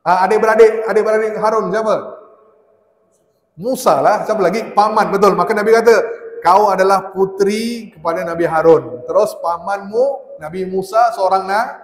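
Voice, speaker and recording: A man's voice: high voice, moderate pace. A man giving a mosque study lecture, asking the audience questions and answering them himself, acting out quoted lines as he tells the story. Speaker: religious teacher. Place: mosque hall. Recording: echoey mosque hall with long reverb.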